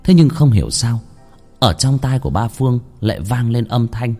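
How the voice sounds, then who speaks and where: A man narrating a ghost story at an unhurried, dramatic pace. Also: mid-range voice, expressive, mellow, faint music behind.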